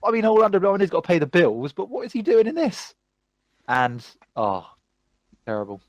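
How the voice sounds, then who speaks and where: A man's voice: high voice, moderate pace, dry recording. A man hosting a podcast, chatting casually and ranting at length about films. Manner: animated, rambling movie ranting. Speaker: podcast host. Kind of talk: casual chat.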